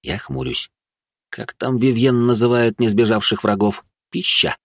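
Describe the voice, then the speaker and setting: A man's voice: mid-range voice, fairly even intonation, unhurried, creaky, a bit bright, dry recording. A man narrating an audiobook in the first person with dry, sardonic storytelling.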